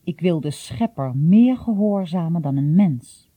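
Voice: mid-range voice, expressive, a little slow, warm tone, no echo. A reader voicing a shrewd, secretive old male gardener who talks in a confiding, mildly teasing way, in an audiobook. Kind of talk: audiobook reading.

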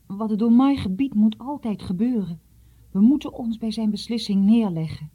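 A woman's voice: fairly high pitch, moderate pace, husky, phone-quality sound. A woman reading the part of a devout, grieving mother who speaks reproachfully. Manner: reproachful, tearful.

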